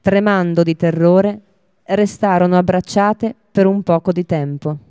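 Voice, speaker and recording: Woman reading a fairy tale, mellow. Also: lowish voice, clear, resonant tone, dry recording, clean studio sound. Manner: steady, measured storybook reading. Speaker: storyteller. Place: radio broadcast.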